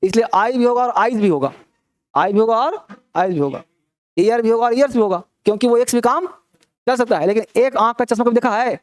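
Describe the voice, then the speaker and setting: Very high-pitched and fairly quick, a male English grammar teacher quizzes his class with rhetorical questions, teasing and scolding the students. The classroom lecture has no room sound.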